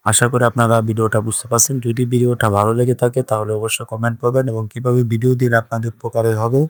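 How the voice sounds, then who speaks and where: Man, teacher, patient, spells letters one by one, repetitive drills, mid-pitched, dry close sound. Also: little pitch movement, quick pace, no room sound. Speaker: Quran reading teacher. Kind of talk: step-by-step spoken lesson.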